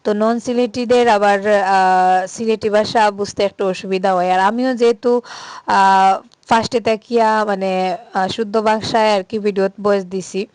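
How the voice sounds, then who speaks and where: A woman's voice: medium pitch, steady tone, normal speed, a little mellow, clean tone, no echo. A middle-aged woman with a Sylheti Bengali accent, chatting unhurriedly as a vlogger with frequent "ah" fillers. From Sylhet, Bangladesh. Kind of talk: casual vlog narration.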